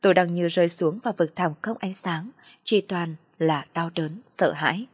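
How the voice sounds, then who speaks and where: Brief: woman narrator for an audio story, low-pitched, soft and sorrowful, dry close sound. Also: moderate pace, breathy edge, no room sound.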